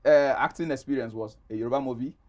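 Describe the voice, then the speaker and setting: Over background noise, a middle-aged Nigerian man, an actor, gives an interview in which he tells personal stories at a quick pace. His pitch is medium, and he speaks emphatically and conversationally with repeated phrases.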